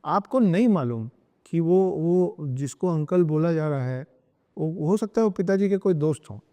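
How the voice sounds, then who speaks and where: A man's voice: fairly high pitch, lively intonation, normal speed, dark tone, long reverb tail. A man speaking as a podcast guest, emphatic and lecturing, repeating himself for stress and slipping into English phrases. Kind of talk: earnest podcast talk on spirituality and parenting.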